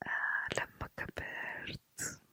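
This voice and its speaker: A woman chatting in a quiet, hushed late-night ASMR whisper, halting pauses. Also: no room sound. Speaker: ASMR video creator. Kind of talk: ASMR casual chat, whispered.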